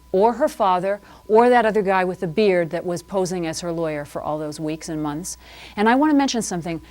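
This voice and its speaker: Mock-serious woman hosting live TV. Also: mid-range voice. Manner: mock-serious, theatrical, confiding. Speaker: host. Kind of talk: live improvised comedy monologue. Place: cable access TV studio.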